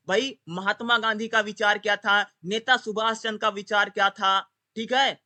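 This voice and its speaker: A man with a high, very bright, ringing voice gives a classroom-style lecture. He keeps asking a question and answering it himself, circling back over each point with checks like "okay". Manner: repetitive, asks rhetorical questions then answers them. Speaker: teacher. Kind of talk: explanatory Hindi lecture.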